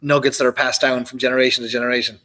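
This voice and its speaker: A man's voice: medium pitch, level tone, racing, bright, forceful tone. An Irish-accented man hosting a live online chat in a casual, conversational way. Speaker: host of a live online tasting.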